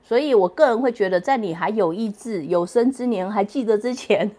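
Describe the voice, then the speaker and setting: A chatty woman hosting a relaxed late-night question-and-answer stream from home. She talks playfully, laughs often and slips English words in. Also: mid-range voice, a little fast. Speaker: livestream host answering viewer questions. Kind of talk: casual late-night livestream Q&A.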